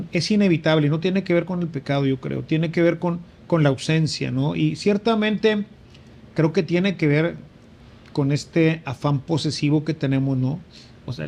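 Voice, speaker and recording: A man's voice: on the high side, vocal fry, a little mellow. A man, a priest sharing a conversational spiritual reflection and rising for emphasis. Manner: reflective, with frequent fillers and emphatic rises.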